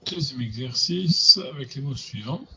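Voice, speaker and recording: A man's voice: medium pitch, animated, moderate pace, sharp tone, highs cut off, slight background noise. A man teaching a grammar lesson, patiently repeating and spelling out words. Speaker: Hebrew teacher.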